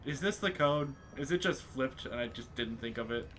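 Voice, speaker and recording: Animated man streaming a game. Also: medium pitch, moderate pace. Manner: reactive, swears casually, thinks aloud. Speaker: streamer playing a video game. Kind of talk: casual live gameplay commentary. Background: loud game music.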